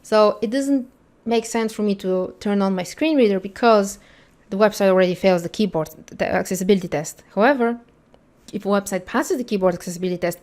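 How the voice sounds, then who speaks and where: A woman with a mid-range, slightly mellow voice tests a website for a screen-recorded tutorial. Bulgarian is her first language, and as an accessibility instructor she voices her thoughts candidly and bluntly.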